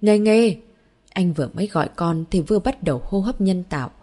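Low, mellow woman narrating a story. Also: expressive, quick pace, slightly rough. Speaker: audiobook narrator.

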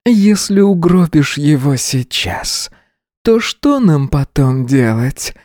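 A man voicing a masked female commander who sounds authoritative and gentle at once, in a raised, slow voice. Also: a little high, big pitch swings, no echo, clean studio sound, pitched above the performer's own voice. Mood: commanding.

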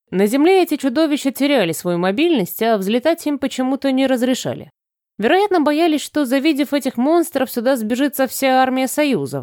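A woman narrating a fantasy audiobook in an even, measured storytelling manner. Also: a little high, dry recording, clean studio sound.

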